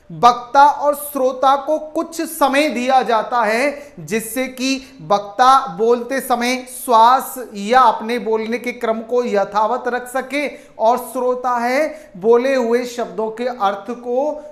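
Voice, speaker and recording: A male teacher delivers an online grammar lesson at an unhurried pace. He keeps calling his viewers friends and answers his own questions. The voice sits in a noticeably echoey room. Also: very high voice, fairly bright tone.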